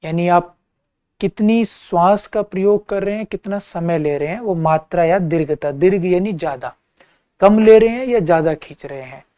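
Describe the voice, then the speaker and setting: A man's voice: high-pitched, moderate pace, warm tone, smooth, no echo, clean studio sound. A man teaching an exam-prep lecture, patiently repeating key terms and checking in with his listeners.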